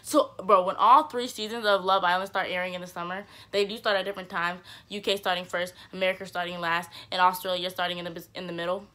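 A young woman talks straight to her audience in a loose, slangy vlog chat, animated and full of playful asides. Her voice has a bright, crisp edge. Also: lowish voice, fast talker, hardly any pauses. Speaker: vlogger. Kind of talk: casual reality-TV gossip chat.

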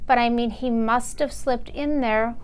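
A woman in her forties, a cat owner interviewed for a news story, talking in an emotional, halting way with many restarts. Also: fairly high pitch, fairly even intonation, noisy background. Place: living room and animal hospital.

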